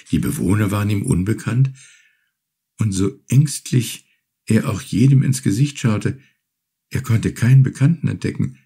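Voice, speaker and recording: A man reading a fairy tale aloud as a measured audiobook narrator. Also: lowish voice, creaky, dark tone, slightly rough. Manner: measured, storytelling.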